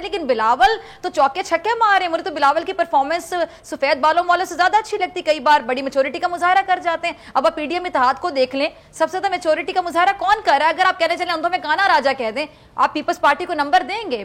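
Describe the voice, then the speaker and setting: A woman's voice: extremely high pitch, hardly any pauses, a bit bright. A young woman with a Pakistani Urdu accent hosting a political talk show, politely interrupting and pressing her guests with pointed questions. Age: young adult.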